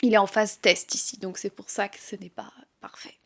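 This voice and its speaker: A woman with a French accent giving a relaxed, conversational language lesson, explaining things with light laughs and fillers. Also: mid-range voice, moderate pace, slight background noise. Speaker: French teacher.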